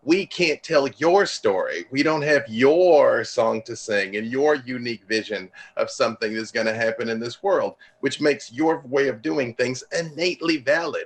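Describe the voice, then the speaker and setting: Animated man on a discussion panel. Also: medium pitch. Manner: animated, acts out quoted voices. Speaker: comic book writer on a panel.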